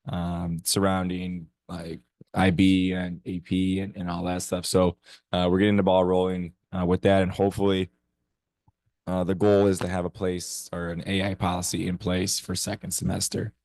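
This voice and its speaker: A hoarse man, losing his voice, giving a steady report as a teacher representative at a council meeting. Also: low-pitched. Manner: steady, level report with frequent pauses.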